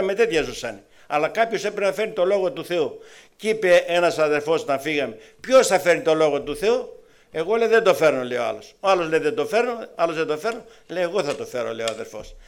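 The speaker, a man from Greece, preaches and tells testimony stories as part of a testimony sermon. His storytelling is animated and lively, moving from loud to soft with wide variation in pitch and loudness.

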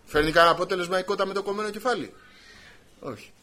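A man preaching a sermon, animated, swinging between loud emphasis and quiet asides. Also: high voice.

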